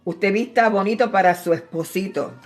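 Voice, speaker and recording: A woman's voice: mid-range voice, moderate pace. A woman, preaching informally and telling her own testimony. She speaks straight to the listener, repeating phrases and calling them brother. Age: 60s.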